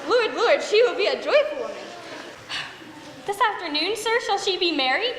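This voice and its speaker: A woman's voice: very high voice, lively intonation, moderate pace, a bit bright. A young woman acting the part of a fussy, chattering old nurse who complains of aches and weariness in a stage play, performing on a school stage. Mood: gossiping. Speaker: student actor. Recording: echoey hall, stage mics, faint room noise.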